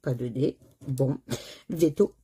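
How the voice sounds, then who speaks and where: This French woman hosts a channel about scratch cards, chatting casually as she scratches tickets and calls out letters one by one. Her voice is extremely low, mellow and husky, and she speaks slowly.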